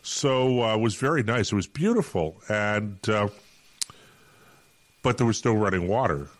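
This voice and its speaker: A man's voice: fairly low pitch, animated, moderate pace. A Canadian man co-hosting a talk podcast, telling a rambling anecdote full of restarts and fillers. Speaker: podcast co-host.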